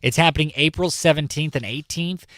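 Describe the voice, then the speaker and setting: The California morning news host sounds a little high, bright and brisk here. He casually jokes through local stories and repeats his points, with clean, echo-free audio from a studio microphone in the radio studio.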